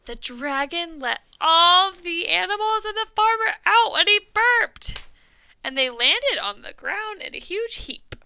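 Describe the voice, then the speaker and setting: A woman's voice: very high-pitched, very animated, measured pace, pushed and bright, no echo, poor audio. A woman music teacher reading a story to young children with lots of expression, singing the refrain and asking them questions.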